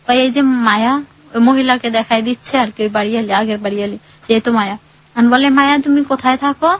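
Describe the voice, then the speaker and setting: A woman's voice: a little high, level tone, fast, muffled recording. Woman telling her life story, rambling. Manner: rambling, colloquial, acts out others' quoted speech. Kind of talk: casual spoken storytelling.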